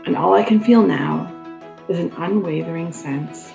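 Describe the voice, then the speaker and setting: A woman in her twenties reading a scripted personal story slowly and earnestly. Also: lowish voice, creaky, warm tone, faint music behind, poor audio.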